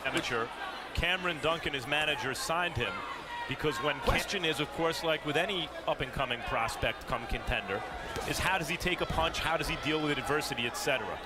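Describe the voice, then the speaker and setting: A man giving live boxing analysis, explaining in deliberate phrases. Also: fairly high pitch. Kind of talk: live sports commentary.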